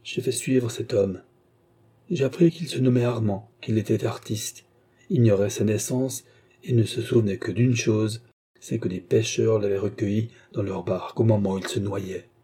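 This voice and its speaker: A dying old murderer, voiced by a man reading a novel, his words faint, broken and pleading. The tone is low, dark and breathy. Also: moderate pace. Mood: confessing.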